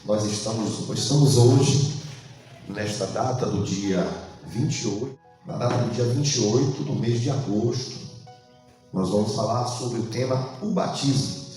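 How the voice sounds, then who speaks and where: Pastor teaching in an echoey church hall. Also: male voice, mid-range voice, a little slow, dark tone, distant mic, faint music behind. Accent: Brazilian Portuguese. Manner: asks the congregation questions and prompts them to answer aloud. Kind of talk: sermon and Bible study.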